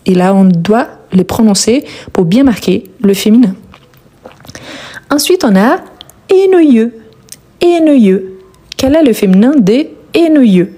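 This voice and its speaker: A woman's voice: fairly high pitch, animated, slow pace, pauses often, mellow. A woman teaching a live online French lesson, patiently repeating each word and praising her students' answers. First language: Portuguese.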